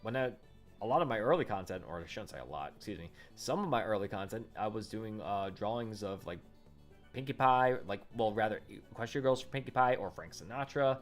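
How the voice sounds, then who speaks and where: Here the young YouTuber, still in his late twenties, sounds lowish, expressive and fairly quick as he rambles into a studio condenser mic. He keeps correcting himself and leaning on fillers while faint music plays.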